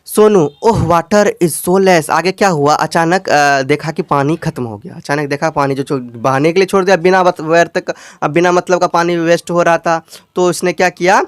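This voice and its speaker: A man with a Hindi accent teaching English from a storybook, reading each English line very slowly and explaining it again, often asking his students questions. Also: fairly high pitch, smooth, no echo, clean studio sound. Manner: reads English lines very slowly, word by word.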